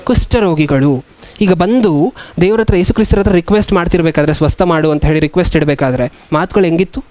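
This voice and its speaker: A man preaching a sermon as a pastor, asking the congregation many questions and reading scripture slowly. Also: on the high side, a little mellow, no room sound.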